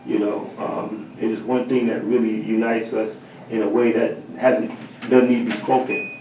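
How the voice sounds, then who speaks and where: An interviewed drummer, a guest, answers in a gravelly, dark-toned voice at ordinary pitch with little pitch movement. Thoughtful and halting, he uses many fillers, groping for words and restarting often before reaching his point. The roomy recording places him in an echoey room, somewhat away from a distant mic, with faint background noise.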